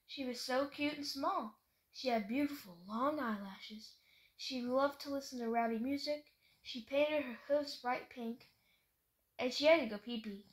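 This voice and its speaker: In her bedroom at home, a woman with a high voice reads a children's picture book aloud, unhurried and playful in a sing-song style that leans on the rhymes. It is a rough home video with clear background noise.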